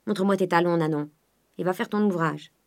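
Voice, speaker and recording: A greedy, domineering old miser, read by a woman, coaxing one moment and blustering the next. The voice sits a little low, and the story is read aloud from a book. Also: fairly quick, natural voice. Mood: wheedling. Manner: wheedling then blustering.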